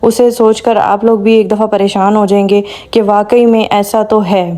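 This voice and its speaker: A woman's voice: medium pitch, flat delivery, warm tone. A woman vlogger giving casual commentary, talking straight to her viewers in a chatty way. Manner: chatty, addresses viewers directly.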